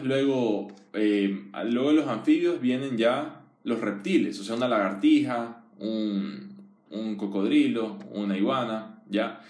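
A man at a middle pitch gives a relaxed, informal one-on-one lesson, talking directly to a single listener. He keeps asking whether he is being understood and often restarts his sentences. The room around him echoes noticeably. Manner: conversational, checks understanding often; frequent fillers and restarts. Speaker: teacher. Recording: roomy echo.

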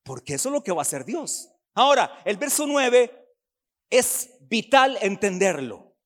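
Male pastor from Costa Rica, high voice, fiery sermon delivery with shouted sung peaks, long church reverb. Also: big pitch swings, unhurried. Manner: fiery preaching with sung, shouted swells and quiet asides. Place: church hall.

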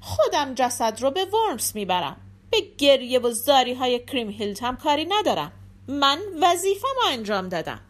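A woman's voice: high-pitched, very animated. A woman voicing a grim, unrepentant male warrior who speaks angrily and sullenly. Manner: angry, sullen.

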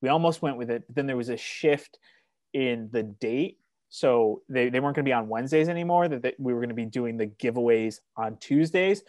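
A man's voice: medium pitch, fairly quick, darkish tone, no room sound. American man guesting, dry close sound. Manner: self-deprecating, stop-start phrasing. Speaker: team staff member, podcast guest. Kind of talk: casual sports podcast chat.

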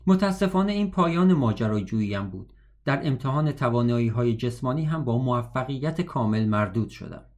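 A man reading a novel aloud in a steady, reflective way, now and then breaking off for wry casual comments. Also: mid-range voice. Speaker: audiobook reader.

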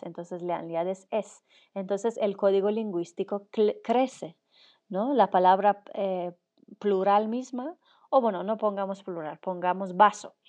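Woman lecturer with a mellow voice. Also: medium pitch. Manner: explains step by step, often checks with "¿no?"; frequent filler "eh" and "em". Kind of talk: university lecture.

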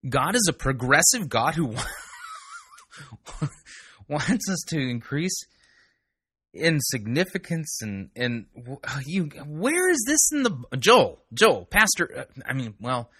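Sarcastic man with a husky voice. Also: a little high, no echo, studio quality. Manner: mocking, exasperated, animated. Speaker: podcast host critiquing a sermon recording. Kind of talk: sarcastic commentary.

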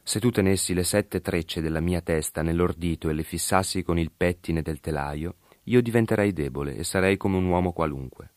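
A man voicing a proud, mighty strongman who speaks slowly and solemnly. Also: sits low, darkish tone, no echo, studio quality, close to an everyday voice.

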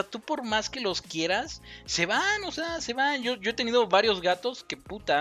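A man's voice: high-pitched, bright, forceful tone. A young man with a Mexican accent, co-hosting a casual chat, slangy and joking, laughing often. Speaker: co-host.

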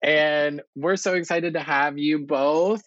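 A man's voice: a little high, steady tone, slow pace, a bit bright, dry recording, highs cut off. A man hosting a podcast in a friendly, eager way, welcoming his guests. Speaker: podcast host, realtor.

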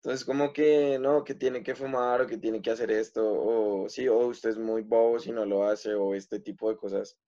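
A young man casually answering questions about his videos and life, often pausing and restarting his sentences. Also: fairly low pitch, steady tone, dark tone. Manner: hesitant, many fillers and restarts. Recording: slightly muffled recording.

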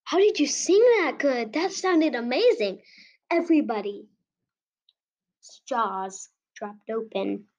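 A woman narrating a home-made children's story in a slow, earnest way. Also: on the high side, highs cut off.

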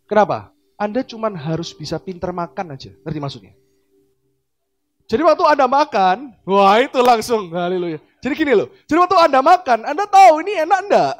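A middle-aged man, a pastor preaching a sermon and acting out quoted dialogue in lively swings of voice. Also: brisk. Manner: animated, acts out quoted dialogue with big pitch swings.

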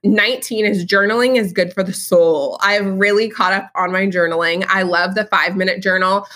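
On this casual podcast, the female host sounds fairly low-pitched yet fairly bright in tone. She's bubbly and upbeat, with "like" dropped frequently throughout her talk.

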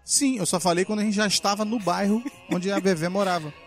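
Carioca guy telling a story on a podcast, kinda high voice, soft music behind. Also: quick pace. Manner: animated, acts out his mother's lines. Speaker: podcast co-host. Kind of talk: casual storytelling.

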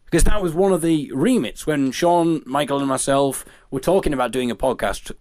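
A man hosting a podcast, chatting casually in a rambling, thinking-out-loud way. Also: a little high, fairly quick. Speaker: podcast host and interviewer.

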